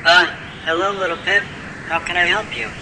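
An actor voicing a shy, hesitant watcher speaking through a robot, tinny and artificial, halting and reluctant. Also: medium pitch, little pitch movement, pushed and bright, slight background noise. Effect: tinny robot speaker filter.

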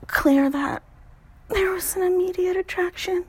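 A young adult woman telling an intimate story in a soft, breathy whisper, broken up by sighs. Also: extremely high pitch, a little slow.

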